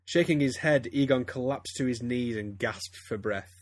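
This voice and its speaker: A man's voice: mid-range voice, moderate pace, no room sound. A man reading fan fiction aloud to friends, stumbling and breaking into laughter as he goes. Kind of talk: casual comedic reading aloud.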